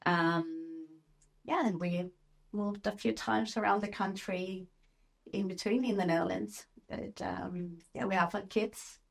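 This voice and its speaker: A woman from Argentina in her thirties, a guest talking about her life in a relaxed, measured way in a sitting room. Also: medium pitch, gravelly. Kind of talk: casual roundtable chat.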